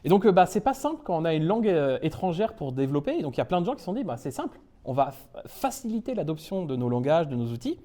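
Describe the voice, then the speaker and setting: Brief: man from France, young adult, meetup speaker, playful self-mocking humour, lively swoops in pitch. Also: fast talker, few pauses. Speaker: conference speaker. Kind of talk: humorous tech talk to a live audience. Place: meetup talk room.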